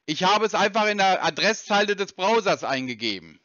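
A man's voice: sits high, very animated, fairly quick, bright, forceful tone, no echo. A man baiting a scammer over the phone, taunting and insulting him sarcastically. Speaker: scam baiter. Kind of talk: mocking phone prank call. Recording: dry muffled phone call.

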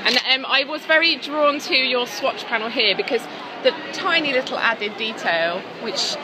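A woman's voice: on the high side, expressive, normal speed. A woman casually interviewing from behind a handheld camera at a busy expo, friendly and appreciative. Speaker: interviewer filming a product demo. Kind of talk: casual chat, vlog interview. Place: large busy indoor expo hall. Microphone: behind handheld camera or phone. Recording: noisy exhibition hall, crowd chatter.

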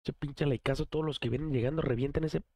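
Mexican male streamer, mid-high voice, cough-roughened, dry close mic, hyped slangy chatter. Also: steady tone, fast talker, darkish tone, no room sound. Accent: Mexican Spanish. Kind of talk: casual live-stream chat.

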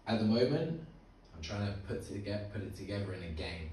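A nervous young man performs a live spoken piece at a small indoor open mic, his lowish voice expressive, brisk and a little mellow. He's informal, rambling and earnest, swearing as he goes. Filmed by phone from the audience while he holds a handheld mic, he sounds echoey and distant, with faint noise.

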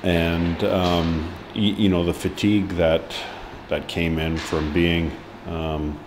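In an indoor press room, in front of a sponsor board, a hockey head coach in his forties gives a post-match interview. His voice is very low, and he speaks in halting bursts full of ums, restarts and frank remarks. A steady hum of noise runs beneath the recording.

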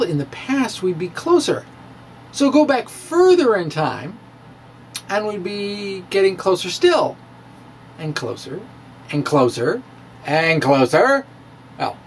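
There's a little hiss or hum as a middle-aged male science blogger theatrically reads from his popular science blog. His very animated pitch, unhurried pace and pointed pauses stretch out emphasis. A handheld-style microphone on a stand sits close in front of him in a small room with bookshelves.

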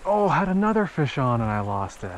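Wearing a head-mounted action camera, a man in his thirties vlogs his fishing outing on a small creek in a wide mountain valley, excitably calling out at each catch. He talks briskly at a fairly high pitch. The recording is rough, with a little hiss or hum.

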